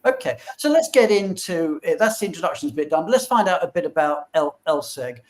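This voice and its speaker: A man hosting a live webinar, excitable and rambling, with frequent restarts. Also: on the high side, brisk. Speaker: webinar host.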